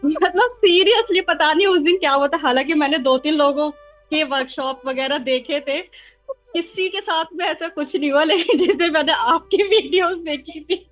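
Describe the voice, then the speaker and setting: A woman's voice: sits high, normal speed, highs cut off, faint music behind. A woman tarot student talking casually about her experience, hesitating often with fillers. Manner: talkative, hesitant with many fillers. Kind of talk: casual testimonial chat.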